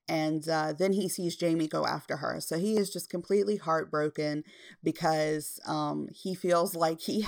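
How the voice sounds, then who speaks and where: Woman, low smooth voice, casual recap host who retells scenes loosely with fillers. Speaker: TV episode recapper.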